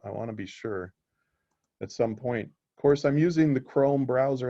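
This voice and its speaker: This instructor's mid-range, dark voice comes through a dull lo-fi recording as he casually teaches a live technical class. He regularly pauses to make sure his students are keeping up.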